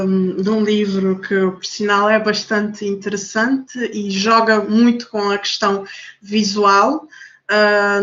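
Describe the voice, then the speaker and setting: A woman moderating an online panel debate in a measured, thoughtful way. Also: mid-range voice, a bit bright, dull audio.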